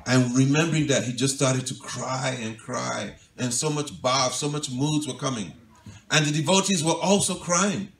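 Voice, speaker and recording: A man, a monk giving a devotional lecture, tells a sacred story in a gentle storytelling style, dropping to a soft, quiet voice for quoted pleas. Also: mid-range voice, moderate pace, creaky. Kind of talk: storytelling sermon. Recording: roomy hall echo, mic at a distance, faint ambience.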